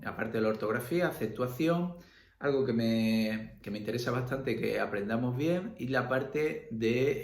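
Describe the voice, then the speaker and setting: A man's voice: medium pitch, reverberant. A man from Spain with an Andalusian accent, a secondary school language teacher giving a recorded lecture, full of fillers and checks for understanding. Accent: Andalusian Spanish. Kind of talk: classroom lecture video.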